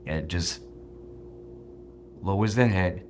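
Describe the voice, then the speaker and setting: Deep-voiced man co-hosting a podcast. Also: takes it slowly, a little mellow, a little hiss or hum. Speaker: podcast co-host. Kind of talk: casual podcast chat.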